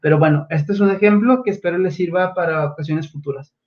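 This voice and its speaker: A man with a Mexican Spanish accent teaches his young pupils over a livestream, speaking patiently and breaking up his sentences with frequent fillers. His voice sits a little high for a man. The audio is dull and lo-fi. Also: a little hiss or hum. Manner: halting, many fillers like "eh" and "este"; patient, gently instructive. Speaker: primary school teacher.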